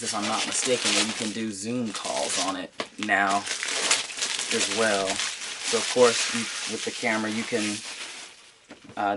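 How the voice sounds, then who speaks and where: A man's voice: on the low side, very noisy. A man with a congested, sinus-affected voice giving a casual unboxing commentary as a channel host, informal and thinking aloud as he goes.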